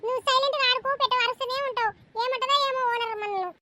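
A woman voicing a young tenant mother in a cartoon, brisk, doting with her child and sharp with others. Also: very high voice, steady tone, slight background noise, voice pushed up. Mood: warning. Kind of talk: cartoon voice acting.

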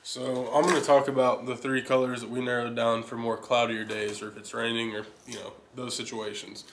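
A young man hosting a fishing channel, giving a steady, enthusiastic rundown of his lures in a casual chat. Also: mid-range voice, brisk, noisy background. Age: young adult. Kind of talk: casual gear talk to camera. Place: indoor living room.

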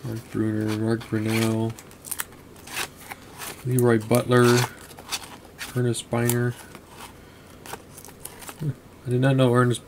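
A man's voice: medium pitch, completely flat delivery, slow, pauses often. Man muttering names over a noisy recording. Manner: chatty, muttering names as he flips through cards. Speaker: card collector vlogger. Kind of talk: casual narration while sorting cards. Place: desk at home, indoors.

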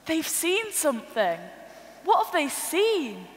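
A woman's voice: very high voice, very animated, slow pace, slight background noise, heavily acted. A woman acting a fussy, complaining wife in a school nativity sketch, who repeats her points insistently. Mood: curious. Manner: indignant, repeats herself insistently. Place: large minster church. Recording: long church reverb.

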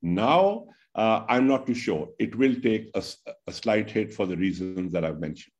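A man's voice: lowish voice, lively intonation, moderate pace, a little mellow, lo-fi sound. A man in his sixties with a Pakistani English accent, answering as a webinar panelist and making his case with rhetorical questions. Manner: argues point by point, rhetorical questions. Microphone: video call webcam.

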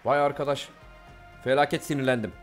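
A young man giving live, excitable commentary on his own gameplay, jumping from calm play-by-play to angry outbursts. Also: medium pitch, brisk, soft background music. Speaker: gameplay streamer.

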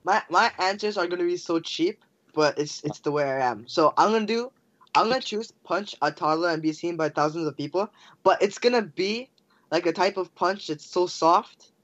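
A man's voice: high-pitched, moderate pace, fairly bright tone. A man in a casual podcast chat who talks hesitantly, repeating words as he restarts. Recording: dull recording with faint noise.

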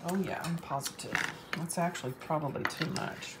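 A middle-aged woman chats with her family in a kitchen in a dry, teasing way. Her voice is fairly low and comes from away from the mic in a roomy space. Loud clanking of dishes and cutlery fills the background. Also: moderate pace, recorded from a distance, very noisy. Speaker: mother of the host. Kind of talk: casual family chat. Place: home kitchen.

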